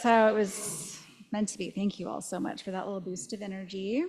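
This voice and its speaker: A woman speaks as a guest at a spiritual center service, relaxed and conversational. She fills pauses with ums and restarts her sentences often. Her voice sits at a middle pitch. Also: a crowd in the background. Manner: chatty, with many ums and restarts. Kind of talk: live talk to a congregation.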